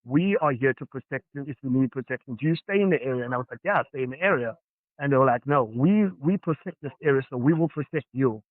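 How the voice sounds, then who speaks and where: Speaking fast and expressively in a mid-range voice, a podcast guest with a Johannesburg South African accent shares personal stories from his past in an earnest, reflective way, voicing the dialogue himself. The recording is dry with no room sound and has a narrow, phone-like quality.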